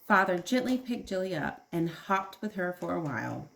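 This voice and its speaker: Poor audio captures a woman teacher doing a read-aloud lesson for small children, keeping explanations simple and asking questions as she goes. Her fairly low, creaky voice has a fairly bright tone, and she sounds animated at a normal speed.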